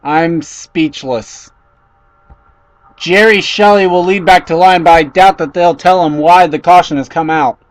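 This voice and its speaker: High-voiced excitable male race caller. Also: normal speed, few pauses, no echo, low-quality recording. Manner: excitable, voice jumps high and loud at crashes. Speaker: race commentator. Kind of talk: play-by-play commentary.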